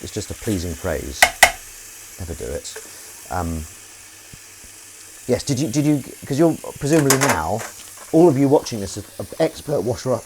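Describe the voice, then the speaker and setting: A man's voice: mid-range voice, noisy background. A man chatting casually on a live stream while washing up at his kitchen sink, rambling and self-deprecating.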